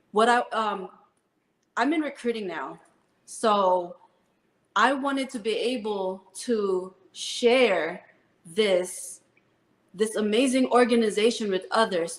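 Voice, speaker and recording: A woman in her thirties, an Army first sergeant, speaks earnestly in an interview with plenty of "um"s. Her voice is mid-pitched and rings in a roomy space. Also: takes it slowly. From Philippines, raised in New Jersey. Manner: earnest, heartfelt storytelling with fillers. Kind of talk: interview conversation.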